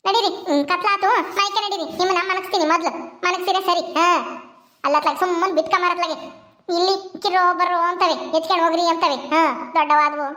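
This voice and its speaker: Young woman, very high bright voice, echoey room. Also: steady tone. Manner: fast, chatty, coaxing crying babies. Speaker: young mother of infant twins. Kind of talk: casual home vlog talk.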